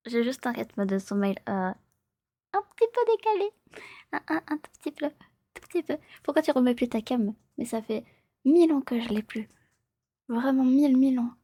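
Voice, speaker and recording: A young woman streaming from home on a close mic, chatting playfully with her viewers, giggling, swearing and slipping into soft whispers. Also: a little high, expressive, moderate pace, no room sound. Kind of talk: casual live stream chat.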